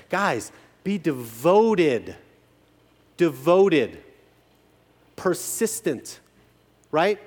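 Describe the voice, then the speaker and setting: A man preaching a sermon as pastor, telling stories with emphasis and humor. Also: on the high side. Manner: animated, emphatic storytelling with humor. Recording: long hall reverb.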